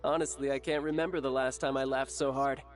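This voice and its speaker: An actor playing a charming, cocky young soldier who talks in a breezy, smooth and playful way. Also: male voice, mid-range voice, level tone, fairly quick, soft background music, lightly acted. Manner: breezy, laughing, smooth talk.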